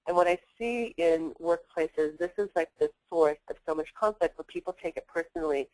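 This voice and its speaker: A woman trainer giving a webinar presentation, talking in a fast, blunt, chatty way with many fillers. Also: low voice, a little mellow, no echo, rough recording. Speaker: workplace trainer.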